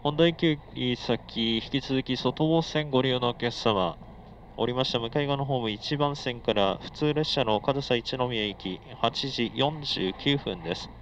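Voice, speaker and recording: With a mid-range voice and measured pace, a man makes the conductor's formal, polite announcements. They come over a muffled, noisy onboard speaker inside a moving commuter train, with faint train and air-conditioning noise in the background.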